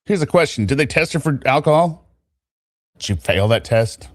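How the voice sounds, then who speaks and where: A man's voice: medium pitch, expressive, normal speed, no room sound, studio quality. A man giving casual, blunt trial commentary with sarcastic jokes.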